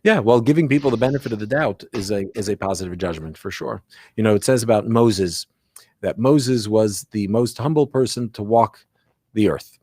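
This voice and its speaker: A man speaking as a rabbi explains religious teaching in a conversational, reflective way, often posing questions and checking in with the listener. His voice is lowish, a little mellow with a breathy edge, at normal speed, and the recording is dry.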